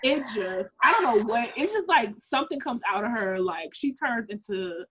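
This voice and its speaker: A young woman co-hosting a podcast in casual chat, animated and laughing, often jumping into high-pitched impressions. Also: normal speed, a little hiss or hum. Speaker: podcast co-host. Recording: muffled lo-fi audio.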